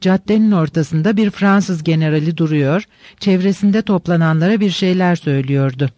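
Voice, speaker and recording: Man narrating an audiobook, steady measured reading, fairly high voice, dry close mic. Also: no room sound. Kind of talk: scripted literary narration.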